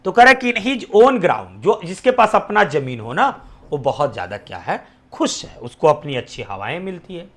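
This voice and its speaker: A high, lively male teacher with a Bihari Hindi accent runs an exam-prep lesson. He keeps asking his students questions and repeats each answer back to them. He often sinks to a near-whisper on the answers. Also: normal speed.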